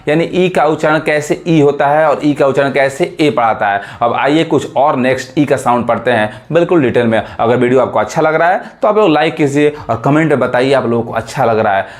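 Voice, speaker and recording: A man teaching a lesson, asking questions and answering them himself and spelling out letters slowly. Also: medium pitch. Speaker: English teacher. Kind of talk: classroom-style lesson explanation.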